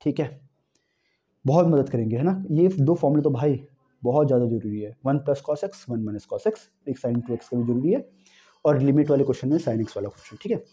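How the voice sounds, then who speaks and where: A young man giving an animated exam-prep math lecture, repeating key phrases and talking to students as friends. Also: medium pitch, a little fast, lo-fi sound. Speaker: math teacher.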